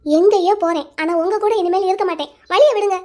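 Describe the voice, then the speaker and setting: A woman voicing a hurt young wife in a cartoon drama, crying and accusing her husband loudly. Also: very high voice, fast. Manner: loud, accusing, bitter. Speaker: voice actor.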